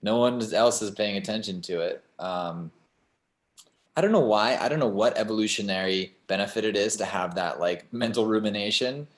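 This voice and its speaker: A man's voice: lowish voice, moderate pace. A young man talking casually as an interview guest, rambling, with many "like" and "you know" fillers. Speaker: singer-songwriter guest. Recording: roomy echo.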